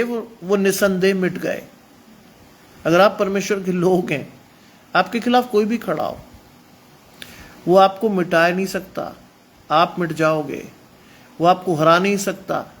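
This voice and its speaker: High-voiced preacher, emphatic. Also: male voice, unhurried, pauses often, a bit bright. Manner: mixes English phrases into emphatic preaching. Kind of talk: sermon.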